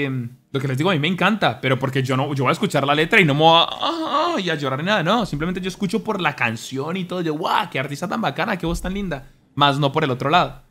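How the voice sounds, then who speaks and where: A young man streaming, talking earnestly to his chat in an animated, preachy way. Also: a little high. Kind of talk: casual monologue to stream chat. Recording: faint music behind.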